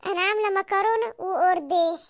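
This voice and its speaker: A woman voicing a nagging, thrifty housewife in a cartoon, with an Egyptian accent and a sarcastic, scolding manner. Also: extremely high pitch. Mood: mocking. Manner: scolding, sarcastic, quick retorts. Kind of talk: cartoon comedy voice acting.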